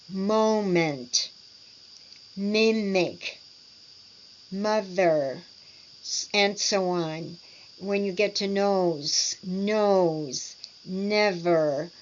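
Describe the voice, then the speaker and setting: A woman teaching speech and swallowing exercises, over-articulating practice words and clearing her throat often. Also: fairly low pitch, dull audio, a little hiss or hum. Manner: deliberate, over-articulated word drills with frequent throat clearing. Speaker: speech therapy instructor. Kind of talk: slow instructional walkthrough.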